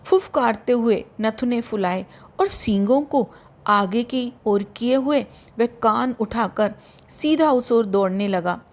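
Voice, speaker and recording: Woman reading a novel aloud, slow and careful, kinda high voice. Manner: slow, measured, literary reading. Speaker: audiobook narrator. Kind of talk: scripted audiobook narration.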